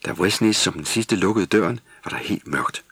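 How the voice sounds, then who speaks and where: Husky low-voiced man reading a Christmas story. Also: fairly bright tone, dry recording. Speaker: narrator. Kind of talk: scripted storybook narration.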